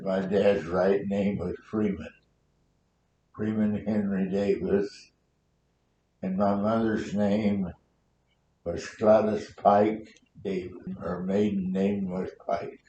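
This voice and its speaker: An American man in his nineties, a war veteran, telling his memories in a halting, rambling old-timer way during an oral history interview. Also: dark tone, highs cut off. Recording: roomy echo, faint noise and rumble.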